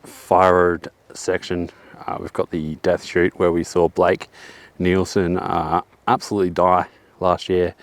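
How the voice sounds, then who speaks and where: On a forested hillside, a young Australian man walks a downhill bike track, offering laid-back, slangy, joking commentary while slightly out of breath. His voice is low and level, a little slow, with some background noise.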